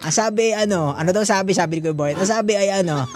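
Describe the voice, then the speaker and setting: A woman's voice: medium pitch, quick pace, a little mellow. A woman hosting a radio show, reading listener letters and commenting in a giggly, teasing manner. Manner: giggly, teasing, frequent laughter. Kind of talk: casual radio chat. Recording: radio studio with music bed.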